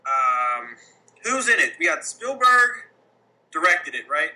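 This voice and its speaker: A laid-back man co-hosting a podcast, with a very bright, sharp tone and a somewhat high voice. He keeps the chat moving with quick, short questions. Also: very animated, rough recording. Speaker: podcast co-host. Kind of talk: casual chat.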